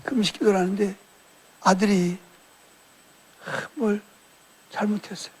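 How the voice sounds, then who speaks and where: A man's voice: high-pitched, fairly even intonation, a little slow, slightly rough. A male pastor preaching a sermon in a colloquial storytelling way, acting out quoted dialogue as he retells events.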